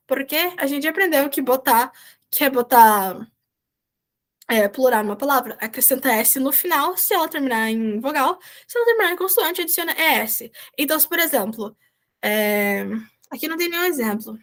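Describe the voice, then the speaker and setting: A woman's voice: high-pitched, lively intonation, normal speed, a bit bright. A woman, a volunteer teacher, explaining Spanish vocabulary in an online class and checking in with her students often. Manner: explains patiently, checks in with "certo?".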